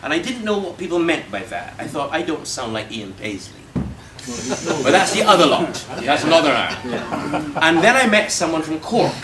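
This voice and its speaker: A man's voice: a little high, very animated, moderate pace. Barbadian man giving a club talk. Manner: storytelling with quoted voices, humorous asides. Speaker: guest speaker and vicar. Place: club meeting room. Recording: distant mic, faint background noise.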